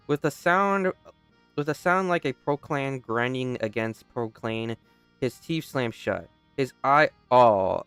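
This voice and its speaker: Young man, casual let's-play narration, crisp resonant voice, dry sound. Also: mid-range voice, no room sound. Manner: reads aloud, breaks off to joke and restart lines. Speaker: gamer.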